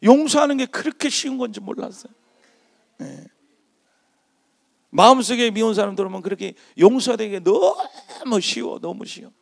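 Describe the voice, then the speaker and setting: Middle-aged male pastor, gravelly and slightly high, preaching a sermon in a church with swings from soft to shouted. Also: normal speed, pauses often. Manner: animated preaching that swings from quiet storytelling to loud shouted calls. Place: church sanctuary.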